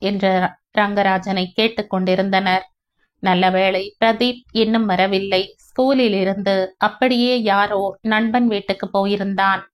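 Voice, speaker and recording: A woman's voice: mid-range voice, unhurried. A woman narrating a family novel as an audiobook, telling it steadily and reading every character herself. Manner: steady storytelling, reads all characters. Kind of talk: scripted narration.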